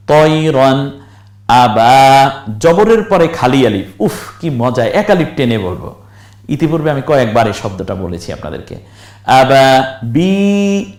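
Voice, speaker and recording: A man gives a recorded lesson on reading the Quran aloud, with slow syllable-by-syllable drilling of spelled and chanted words and questions for viewers. His mid-range voice is a little mellow, and the room is echoey.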